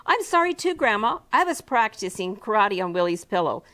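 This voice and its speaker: A sweet young girl from a picture book, read aloud by a woman. She speaks in a bright, sing-song way. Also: medium pitch, very animated, brisk.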